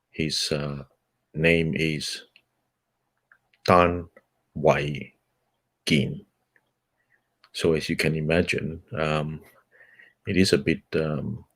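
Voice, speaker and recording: With an extremely low pitch, a Cantonese-speaking man hosts a book club, reading a nonfiction book aloud at a measured pace and pausing on fillers between phrases.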